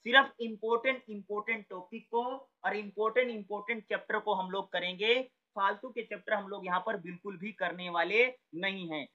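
A man's voice: sits high, steady tone, fairly quick, few pauses, pushed and bright, highs cut off. A man teaching an exam-prep lesson in a conversational way, often asking a question and then answering it himself. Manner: conversational, repeats words, asks and answers his own questions.

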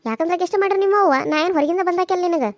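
Casting: woman voicing a very high, rapid-fire cartoon young wife, North Karnataka accent, defiant. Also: dry recording. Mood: scolding. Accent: North Karnataka Kannada. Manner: shrill, scolding, tearful outbursts. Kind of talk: Kannada cartoon serial voice acting.

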